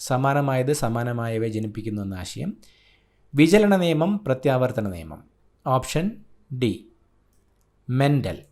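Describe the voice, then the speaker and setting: A man's voice: mid-range voice, expressive, a little slow, long pauses, darkish tone. A man from Kerala, an exam coaching tutor, reading out an answer key in short, clipped phrases. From Kerala, India.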